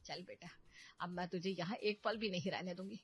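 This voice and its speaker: A woman's voice: fairly low pitch, moderate pace, breathy edge, no room sound. Woman playing a bossy scheming mother. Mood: domineering. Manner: loud, domineering, stirs up trouble. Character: scheming meddling middle-aged mother, bossy.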